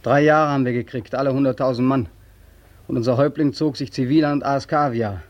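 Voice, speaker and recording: A man playing a sleepless young soldier back from the war, in a 1940s radio play. His mid-pitched voice is worn out and bitterly ironic, and he keeps repeating the same form of address, wearily, like a refrain. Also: steady tone, fast, dull audio, lightly acted. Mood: sardonic. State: exhausted.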